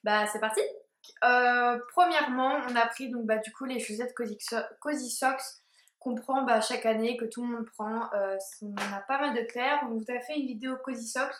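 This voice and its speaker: Young female vlogger, casual and chatty, lots of "euh", a bit high-pitched, in a roomy space. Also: moderate pace, a bit bright, a little hiss or hum. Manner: chatty, hesitant, many fillers. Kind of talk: casual haul video chat. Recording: echoey room.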